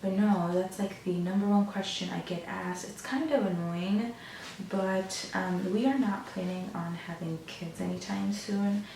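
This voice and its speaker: Monotone, creaky young woman in an echoey room. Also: measured pace, far from the mic. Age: young adult. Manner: monotone, low-key delivery. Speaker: beauty vlogger. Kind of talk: chatty get-ready-with-me vlog. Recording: echoey room, off mic, faint noise.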